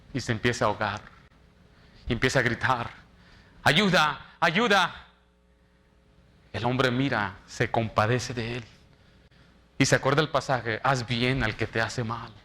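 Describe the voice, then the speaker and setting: A man preaching a sermon in church as pastor, shifting from loud dramatic quotes to soft, quiet appeals. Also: medium pitch.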